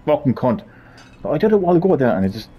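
Male gamer, husky, frustrated running commentary, mutters and swears. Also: on the high side, very animated, racing, narrow, tinny audio. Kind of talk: gameplay commentary.

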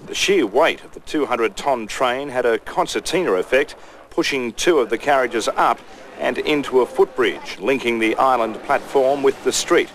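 A man narrating a news report in a steady, even, scripted voice. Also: mid-range voice, moderate pace, slight background noise.

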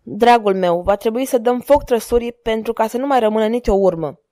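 A stern veteran musketeer captain, read by a woman narrator, speaking in a grave, solemn voice. Her tone is mellow and warm, recorded dry and close. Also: on the high side, no echo, natural voice.

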